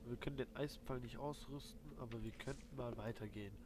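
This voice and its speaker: A man's voice: medium pitch, brisk. A man giving casual gameplay commentary as a let's play host, thinking aloud in colloquial speech. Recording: loud game noise behind voice. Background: video game sounds.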